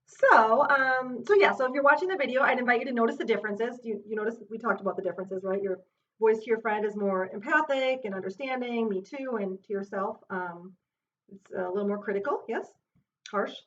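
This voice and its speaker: Woman, mindfulness teacher, soft-spoken and unhurried, somewhat high voice, muffled recording. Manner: gentle, unhurried, thinking aloud with many fillers and restarts. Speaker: self-compassion teacher. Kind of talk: guided exercise with her child. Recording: distant, muffled mic with faint hiss.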